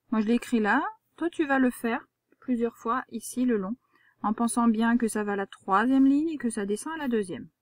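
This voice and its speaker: A primary school teacher with a slightly high voice gives a young child a patient, step-by-step handwriting lesson. The recording has clean studio sound with no echo.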